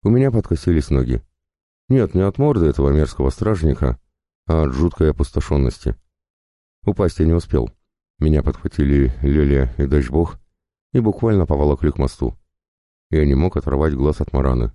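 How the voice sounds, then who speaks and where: A man narrating a first-person fantasy audiobook, reading in an expressive, conversational way. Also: rumbling low, fairly quick, dry recording, studio quality.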